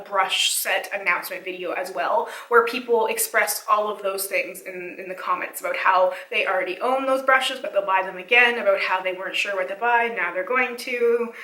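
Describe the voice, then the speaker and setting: A woman giving a casual, analytical video essay commentary, chatty with many fillers, her voice slightly hoarse and cracking. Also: mid-range voice, pushed and bright, reverberant, distant mic, poor audio.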